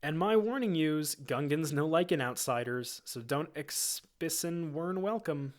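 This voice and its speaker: A man voicing a clumsy, goofy male amphibian alien who talks in drawn-out broken pidgin, in an amateur screenplay reading. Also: on the high side, pitched above the performer's own voice, natural voice. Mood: goofy pleading.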